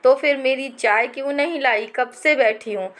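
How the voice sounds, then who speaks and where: A woman's voice: sits high, moderate pace. Woman reading as a scolding older mother-in-law. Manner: scolding, sharp-tongued. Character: grumbling older mother-in-law, secretly loving.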